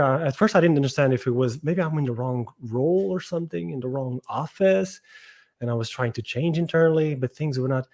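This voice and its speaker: A man talks casually as a podcast guest. He searches for his words and often restarts his sentences. His voice sits at an ordinary middle pitch. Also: darkish tone. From Portugal. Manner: thoughtful, hesitant, many restarts. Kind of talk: casual interview talk.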